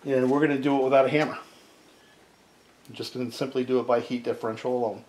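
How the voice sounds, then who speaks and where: Fast and steady, with a darkish, medium-pitched tone, the middle-aged chainsaw repair host explains the work casually and keeps asking "right?" He stands at the workbench of a cluttered home workshop where the tripod camera mic picks up echo and background noise.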